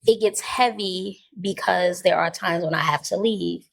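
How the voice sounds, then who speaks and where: Sex: woman. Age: 40s. Origin: New Jersey. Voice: gravelly. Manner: emphatic podcast guest who builds points with rhetorical questions. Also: on the low side, a little slow, rough recording. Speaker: guest, wellness center founder. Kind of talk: casual podcast interview.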